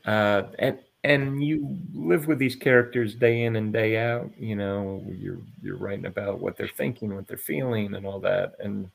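Low gravelly male author guest. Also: moderate pace, few pauses. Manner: hesitant, reflective, many fillers. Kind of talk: casual interview chat.

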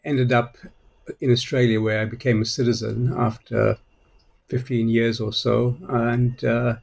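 An older man in his sixties, originally from Malaysia, speaks as an academic guest. His voice is gravelly and husky, and he answers hesitantly, with many pauses and restarts. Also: mid-range voice, little pitch movement, darkish tone. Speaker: guest author, political scientist. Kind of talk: interview answers.

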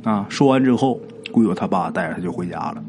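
A man narrates a ghost story in a chatty, folksy manner. He stretches his phrases with filler particles, and his pitch rises and falls a lot. Faint noise sits under the voice. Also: expressive, a little mellow. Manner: colloquial, drawn-out with filler particles. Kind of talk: spoken horror storytelling.

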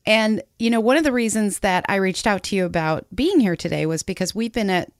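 A woman's voice: medium pitch, fairly quick, dry recording, clean studio sound. A woman hosting an interview, introducing her guest and asking questions in an upbeat, encouraging way. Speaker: podcast host.

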